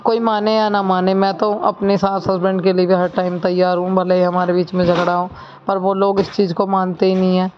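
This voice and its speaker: Young woman, casual vlog chat, even flat tone, dull lo-fi sound, faint background hiss. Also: on the low side, a little fast. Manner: chatty, homely, rambling with many asides. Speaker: village vlogger. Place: home kitchen.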